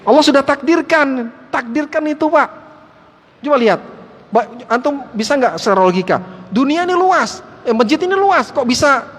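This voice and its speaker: A male Islamic teacher giving a lively study-circle sermon in a mosque, joking with the listeners and calling them Pak and antum. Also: very high-pitched, normal speed. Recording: echoey hall with faint background noise.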